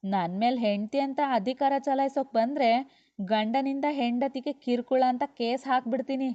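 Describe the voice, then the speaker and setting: A woman's voice: fairly high pitch, fairly even intonation, normal speed, mellow, no echo, natural voice. A woman voicing a proud young wife who turns tearful and pleading, in a dull lo-fi recording. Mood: defiant. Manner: pleading, emotional.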